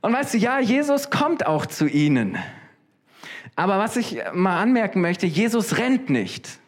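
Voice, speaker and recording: Male preacher, casual sermon, lively, questioning the audience. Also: high-pitched, normal speed.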